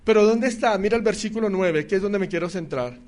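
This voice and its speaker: A male preacher giving an emphatic sermon that swings between loud declarations and quiet asides. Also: sits high, fast.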